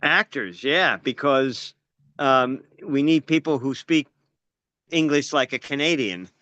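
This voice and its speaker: A man's voice: medium pitch, animated, slow, pushed and bright, no room sound, dull audio. An American actor and playwright chatting casually, telling rambling stories and often restarting his sentences. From United States. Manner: rambling, self-interrupting storyteller. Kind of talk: casual conversation.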